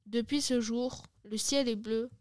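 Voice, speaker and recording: A woman reading a storybook tale aloud as narrator, measured and careful. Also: a little high, steady tone, a little mellow, dry recording, studio quality.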